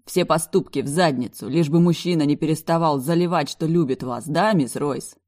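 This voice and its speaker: A domineering, sneering man in an audiobook, read by a woman who talks down to everyone with cold arrogance. The voice sits low and dark, with a mellow, unhurried weight behind the mockery. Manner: haughty, sneering, rude. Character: arrogant mocking adult man, domineering bodyguard type. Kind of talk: audiobook character voice.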